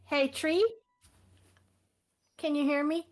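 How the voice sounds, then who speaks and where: A woman's voice: sits high, fairly even intonation, slow. A woman playing in a tabletop game, polite and hesitant, with many fillers. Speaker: player. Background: faint background music.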